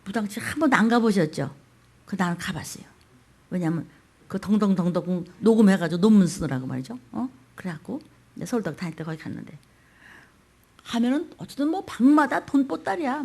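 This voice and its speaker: A woman pastor preaching a sermon in a colloquial style, acting out quoted voices, asking rhetorical questions, and swinging between loud outbursts and hushed whispers. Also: medium pitch, animated, a little fast, creaky, husky. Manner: dramatic, acts out quoted voices.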